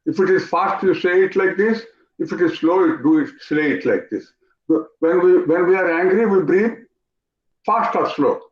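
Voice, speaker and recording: A man with an Indian English accent, teaching an online yoga class, talking in an animated way, repeating phrases and asking his students questions. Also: high voice, moderate pace. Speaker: yoga instructor. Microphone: video call. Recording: roomy, dull lo-fi video call audio.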